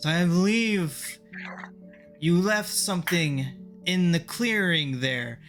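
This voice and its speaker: A man voicing an ancient, courtly talking tree in a tabletop game, with slow, drawn-out, droning speech. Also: high voice, a bit bright, soft background music, voice pushed up, heavily acted. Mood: slow, solemn. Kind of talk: tabletop role-play.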